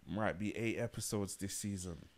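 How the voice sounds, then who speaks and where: A man's voice: low voice, normal speed. A young man co-hosting a podcast, telling stories in a laid-back way full of slang. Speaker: podcast co-host. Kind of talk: casual chat.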